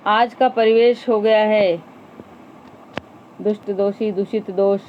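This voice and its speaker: A woman's voice: medium pitch, steady tone, slow pace, highs cut off, slight background noise. A woman teacher going through exam-prep grammar questions, patiently repeating each question and its options aloud.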